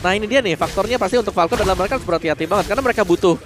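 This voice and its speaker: A man's voice: sits high, rapid-fire, music in the background. An Indonesian man giving analytical commentary on an esports match.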